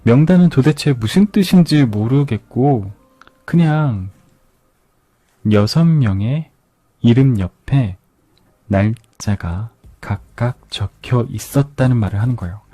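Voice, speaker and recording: A man calmly retelling a crime novel for an ASMR book review, often repeating phrases for effect. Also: mid-range voice, no echo. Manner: calm storytelling with repeated phrases. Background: soft background music.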